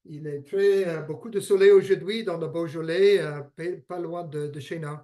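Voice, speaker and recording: American guy presenting in french on a video call, higher voice, lots of euhs. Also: fairly even intonation, mellow. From United States. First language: English. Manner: halting, many fillers and restarts. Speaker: guest speaker. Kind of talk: online business presentation.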